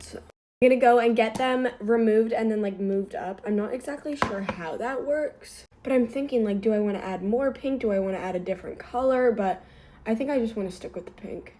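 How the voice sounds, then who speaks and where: A woman's voice: a little high, slight background noise. A young woman in her twenties chatting through a get-ready-with-me vlog at her vanity, peppering every sentence with "like". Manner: sings snippets of songs softly. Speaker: social media creator. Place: bedroom vanity at home.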